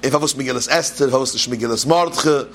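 A man's voice: medium pitch, fast talker, slight background noise. A man giving a religious talk, telling jokes and asking rhetorical questions as he teaches. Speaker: preacher. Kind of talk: Yiddish-style Torah talk with jokes.

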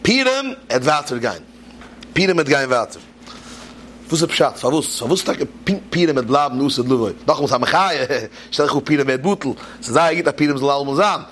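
A man's voice: mid-range voice, animated, a little fast, a bit bright, slight background noise. A man giving a religious talk, telling jokes and asking rhetorical questions as he teaches. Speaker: preacher. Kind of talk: Yiddish-style Torah talk with jokes.

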